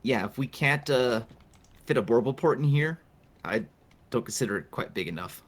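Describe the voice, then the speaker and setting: A man co-hosting a casual video game review, speaking calmly and matter-of-factly. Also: mid-range voice, normal speed. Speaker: co-host. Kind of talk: casual gameplay review chat.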